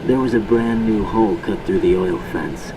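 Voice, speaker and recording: A man's voice: lowish voice, normal speed, close to an everyday voice. An actor playing a cool special forces infiltrator in a video game, terse and matter-of-fact, his voice distant in a noisy recording. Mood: businesslike. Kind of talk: video game voice acting, radio reports.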